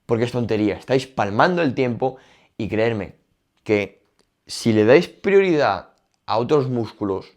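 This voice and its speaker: In an unhurried, expressive voice that's mid-range with a darkish tone, a young man with a Spain Spanish accent talks casually about training. This fitness YouTuber is emphatic and drives his points home by repeating them directly.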